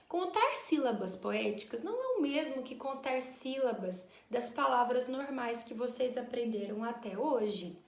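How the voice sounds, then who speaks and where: A woman teaching a class, speaking very slowly and patiently, with a fairly high voice. She explains each point step by step with an affectionate, encouraging tone. The recording has a noticeable echo from the room. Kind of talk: online school lesson. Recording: echoey room.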